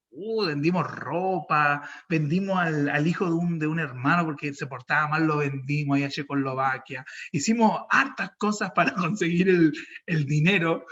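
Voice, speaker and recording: A man's voice: a little high, lo-fi sound. A young adult man with a Chilean accent preaching a sermon, telling a personal story and acting out the dialogue. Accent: Chilean Spanish. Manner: animated storytelling, acts out dialogue. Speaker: pastor.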